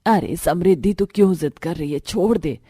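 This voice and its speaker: A woman voicing a poor, aging mother in a cartoon story, speaking softly and sadly. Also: on the low side, moderate pace, slightly rough, no echo, clean studio sound. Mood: gentle. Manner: soft, subdued and pleading.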